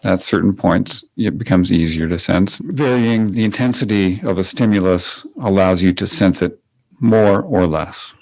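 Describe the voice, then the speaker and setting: A man co-hosting a podcast as a Feldenkrais teacher, explaining ideas in a relaxed way with fillers. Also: low-pitched, moderate pace, creaky, dry recording, rough recording. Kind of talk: casual conversation.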